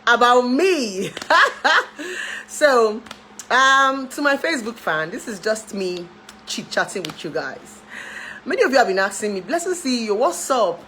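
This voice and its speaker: A woman's voice: a little high, lively intonation, a little slow, bright, forceful tone, a little hiss or hum, low-quality recording. A woman in her thirties with a Nigerian accent, a relationship therapist chatting to her followers about her life, laughing often and dropping into pidgin. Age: 30s. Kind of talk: casual chat to camera.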